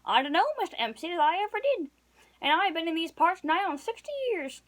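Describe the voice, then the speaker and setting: A woman voicing a loud, good-natured old male innkeeper who lectures in rustic dialect. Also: very high voice, expressive, a little fast, voice pushed up. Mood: blustering.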